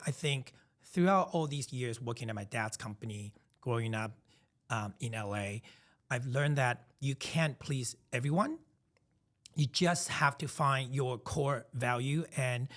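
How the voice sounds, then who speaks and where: A medium-pitched man in his thirties, originally from Taiwan, co-hosts a casual podcast chat. He tells emphatic, reflective stories, often restarting his sentences.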